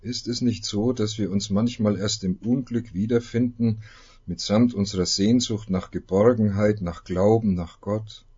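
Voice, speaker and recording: Male pastor, sermon, slow deliberate delivery, husky lowish voice, dull lo-fi sound. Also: fairly even intonation, mellow. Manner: dramatic reading with long pauses.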